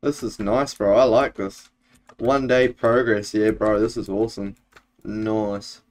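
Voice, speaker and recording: Slow-talking young New man streaming. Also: fairly low pitch. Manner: laid-back, chatty with viewers, lots of fillers. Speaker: Minecraft streamer. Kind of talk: casual live-stream gaming chat. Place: home room, indoors.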